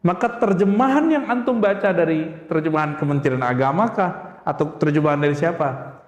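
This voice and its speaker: High-voiced preacher in an echoing hall. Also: male voice, brisk, lo-fi sound. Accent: Indonesian. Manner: emphatic, rhetorical questions to the audience. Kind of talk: religious lecture to a congregation. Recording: echoey hall with long reverb.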